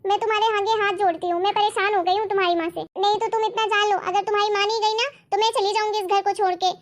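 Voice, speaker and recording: A woman playing a selfish young daughter-in-law who talks fast and complains sharply. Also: extremely high pitch, steady tone. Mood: complaining. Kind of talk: family drama acting.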